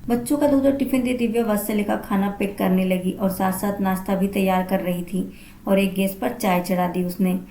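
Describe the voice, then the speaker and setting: A woman narrating a family story in a steady storytelling delivery. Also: medium pitch, moderate pace. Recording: roomy echo.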